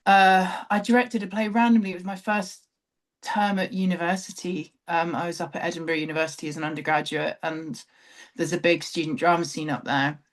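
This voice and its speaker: Her pitch fairly low and mostly flat, a London-born theatre director in her thirties talks a little fast as an interview guest. In a southern English accent, she recalls personal experiences reflectively, thinking out loud and gently poking fun at herself.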